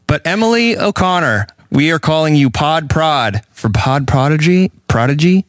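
A man's voice: on the high side, expressive, moderate pace, no echo. Playful man hosting a church podcast. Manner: playful, jokey intros. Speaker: podcast host. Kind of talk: casual church podcast chat.

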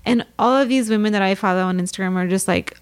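A woman's voice: medium pitch, quick pace, smooth. A woman co-hosting a podcast in casual chat, eager and chatty, often prompting with questions. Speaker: podcast co-host.

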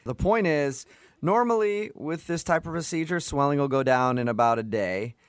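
This prank call comes from a male radio host who plays it straight, pretends not to get it, and stifles his laughter. His voice is a little high at normal speed, with no room sound.

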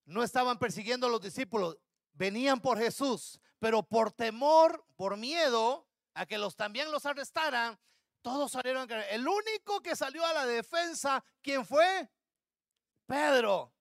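A man's voice: very high voice, expressive, normal speed, vocal fry, a bit bright, dry recording, studio quality. A man pastor preaching a sermon to his congregation, acting out the words of biblical figures. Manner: addresses congregation as brothers.

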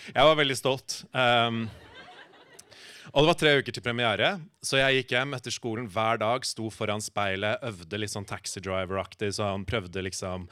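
A man telling a humorous personal anecdote in a halting, animated way, full of filler sounds and acted-out quotes. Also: lowish voice, clean tone, no room sound. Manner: acts out quoted lines in shifting voices.

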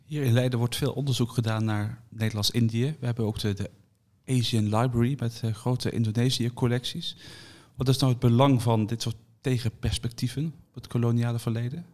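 A man, a podcast host, asking an interview question in a plain, slightly halting way. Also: mid-range voice, steady tone, a little mellow.

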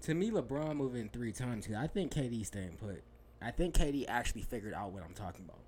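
A man's voice: medium pitch, expressive, brisk, darkish tone, a little hiss or hum. A young man in casual sports talk, ranting heatedly with profanity and laughing at himself. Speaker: podcast co-host.

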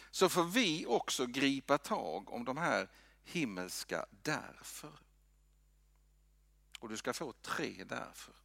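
Pastor guy giving a sermon in church, gravelly and bright, goes loud then drops to a whisper, pitch all over. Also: no echo, studio quality. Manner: dramatic swings from loud to hushed whispers.

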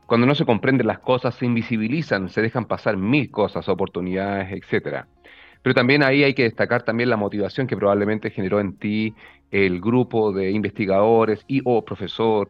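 A man's voice: fairly low pitch, no echo, lo-fi sound. A man with a Chilean accent hosting an interview, asking long rambling questions full of restarts. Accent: Chilean Spanish. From northern Chile. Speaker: interviewer, host.

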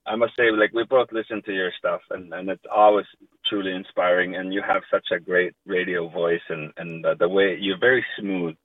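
A man, a musician guest chatting casually and a little haltingly in a radio interview. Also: low-pitched, steady tone, no echo. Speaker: musician guest in a band duo. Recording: phone-like radio call.

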